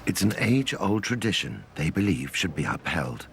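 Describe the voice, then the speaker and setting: A man's voice: deep voice, sing-song, normal speed, creaky, a bit bright, a little hiss or hum. A man reading scripted narration for a nature documentary. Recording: music bed behind voice. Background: background music.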